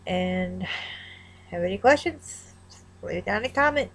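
A woman's voice: on the low side, animated, a little slow. A young woman from Kentucky with an Appalachian Kentucky accent, talking casually to her webcam in a plain, folksy, dialect-heavy way. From Kentucky, United States. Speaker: vlogger. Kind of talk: casual accent-tag vlog, question and answer. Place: small room at home, indoors. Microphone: webcam at desk distance.

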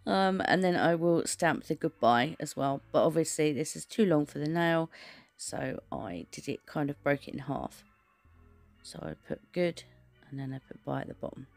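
A woman's voice: sits low, normal speed, gravelly, faint music behind. A woman giving a chatty, rambling voice-over for a nail art tutorial, full of fillers and restarts.

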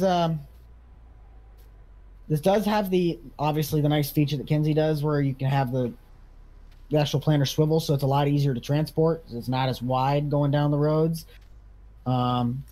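Man playing a high-pitched farm auctioneer. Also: warm tone, lightly acted. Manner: auctioneer's bid calling, repeating prices. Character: Buck, a male farm equipment auctioneer. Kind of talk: casual improvised video game role-play.

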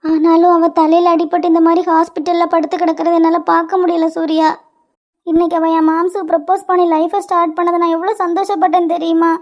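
A woman's voice: very high-pitched, flat delivery, brisk. A woman voicing a distraught young cartoon woman who is strained and upset, with a Kanyakumari Tamil accent. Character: distraught young woman grieving for her friend. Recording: dull lo-fi recording.

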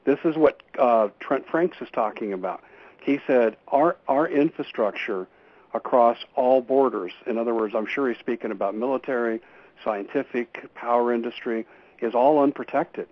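A man's voice: mid-range voice, normal speed, no echo. Man urgently warning, over lo-fi radio. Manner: earnest, urgent warnings with frequent restarts. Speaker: radio show guest. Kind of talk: call-in radio interview. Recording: dull lo-fi radio audio.

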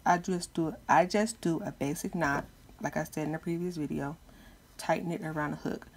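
A woman's voice: sits low, fairly even intonation, normal speed, husky. A woman giving casual step-by-step craft instruction as a tutorial host, informal, with slightly lisped speech from wearing retainers.

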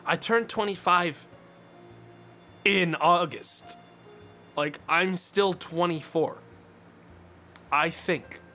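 Bright-voiced young man ranting at chat. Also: high-pitched, extremely slow, pauses often, faint music behind. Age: 20s. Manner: ranting, mock-indignant, swearing. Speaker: streamer. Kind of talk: casual chat with viewers. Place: small dim room indoors.

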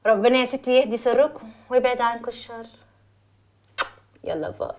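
A woman's voice: a little high, steady tone, a little fast, darkish tone, lightly acted. An actress playing a young woman's loyal, level-headed best friend, speaking with an Egyptian Arabic accent in a teasing, soothing, placating way. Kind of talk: film drama acting. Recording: faint film score behind.

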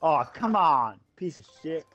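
A man's voice: fairly high pitch, animated, a little slow, dull audio, soft background music. A drunk man chatting loosely with friends while gaming, rambling and stumbling over his words. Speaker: gamer playing with friends online. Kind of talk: casual chat while gaming.

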